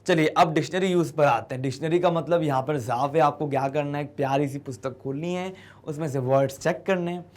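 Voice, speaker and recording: Guy teacher explaining english exercise in hindi, indian accent, slightly high voice, reads english lines real slow. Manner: asks and answers his own questions. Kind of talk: classroom lesson explaining an exercise.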